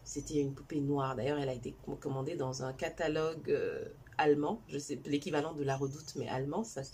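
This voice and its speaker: A woman in her forties from Cameroon, talking to camera about her own life in a loose, chatty way. Her voice sits low, and she keeps stopping to restart her sentences. A faint hum of room ambience lingers behind her. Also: fairly even intonation, a little fast, a little mellow. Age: 40s. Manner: conversational, many fillers and restarts. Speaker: vlogger. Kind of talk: casual personal storytelling.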